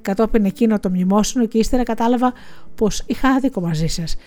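A woman voicing a grieving, bitter widowed village schoolteacher in an audiobook, speaking in a quiet confessional way. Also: a little high, natural voice. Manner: quiet confessional, tearful, resentful. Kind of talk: audiobook reading.

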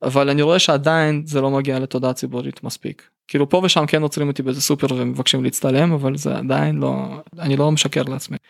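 A man's voice: medium pitch, flat delivery, gravelly, hardly any pauses, no room sound, clean studio sound. A man from Russia with a Russian accent, talking candidly and colloquially in a casual interview as a musician guest. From St Petersburg, Russia.

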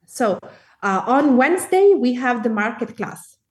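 A woman's voice: a little high, big pitch swings, unhurried. Italian woman heard from a distant mic. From Italy. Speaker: guest cookbook author. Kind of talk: casual interview chat.

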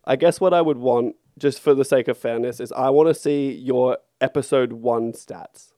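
A man's voice: mid-range voice, moderate pace, mellow, no echo, studio quality. An Australian man co-hosting a podcast in casual chat, with blokey, sweary Aussie banter. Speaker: podcast co-host.

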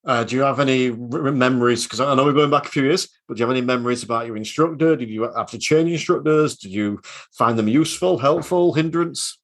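A man hosts the show and interviews his guest in a friendly, encouraging manner, now and then pausing on fillers. His voice is of middle pitch with a husky edge. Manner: encouraging, conversational, some hesitations. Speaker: podcast host and driving instructor. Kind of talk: interview questions and advice.

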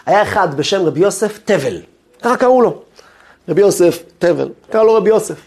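Animated rabbi telling a story. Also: male voice, sits high. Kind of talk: storytelling lesson.

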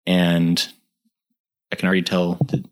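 A man co-hosting a podcast, chatting casually and enthusiastically, laughing often and filling pauses with "like" and "uh". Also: sits low, completely flat delivery. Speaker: podcast co-host. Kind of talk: casual chat.

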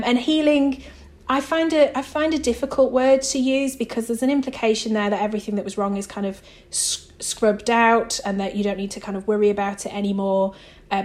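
A woman's voice: medium pitch, a little mellow. A woman author and theologian answering interview questions in a reflective way, thinking aloud as she goes.

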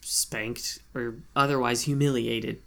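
A talkative man co-hosting a podcast, rambling easily through his points with plenty of ums and side remarks. His voice sits at an ordinary middle pitch. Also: fairly even intonation, takes it slowly, vocal fry, fairly bright tone. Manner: chatty, lots of fillers and asides. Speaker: podcast co-host. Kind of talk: casual chat.

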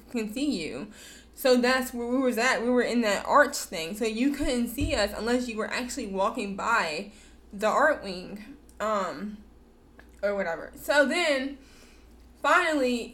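A woman's voice: a little high, fairly bright tone. A young adult woman casually telling a personal story, candid and repeating words for emphasis.

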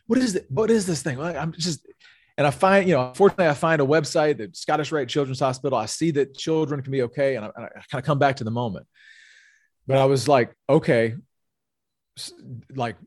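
A man's voice: mid-range voice, fast, no echo, studio quality. A man in his forties, a sales executive, earnestly telling a personal story as a podcast guest and often repeating his words.

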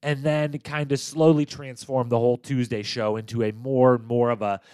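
A man with a nasal, congested voice hosts a casual podcast, chatty and playful. His pitch sits in an ordinary middle range, and the sound is close and dry, with no room echo. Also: steady tone, moderate pace, a little mellow, clean tone. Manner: chatty, self-promoting, playful asides. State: stuffy nose from a cold. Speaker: podcast host. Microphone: studio microphone.

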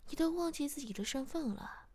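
A woman's voice: on the high side, measured pace, slightly rough. A woman voicing a teasing, domineering man in whispered role-play, with a bossy manner.

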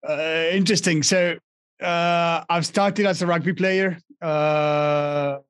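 A man's voice: a little high, fairly even intonation, slow, clean tone, no echo, studio quality. A young man from Argentina, a guest in a casual interview, speaking with many restarts and fillers. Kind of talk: casual interview over a call.

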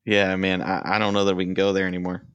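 A man's voice: sits low, monotone, fast, smooth, no echo, dull audio. A man co-hosting a podcast, chatting casually about fantasy sports in a laid-back, dry manner. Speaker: podcast co-host.

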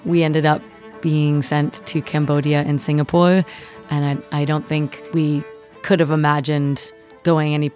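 This woman's voice is low, flat and unhurried, slightly mellow. She's a touring violinist and songwriter from Ontario with a North American accent, telling personal stories about life on the road over a music bed.

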